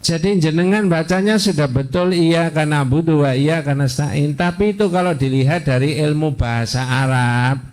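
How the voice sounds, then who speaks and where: An older man teaching a women's religious class in a mosque, quizzing listeners and reciting Arabic phrases slowly. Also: on the high side, darkish tone. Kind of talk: interactive religious lesson. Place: mosque hall.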